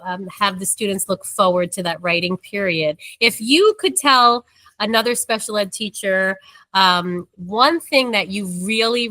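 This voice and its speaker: A woman's voice: medium pitch, pushed and bright, dry recording, poor audio. A woman co-hosting an education podcast, asking curious questions with plenty of fillers. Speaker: podcast co-host. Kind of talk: conversational interview.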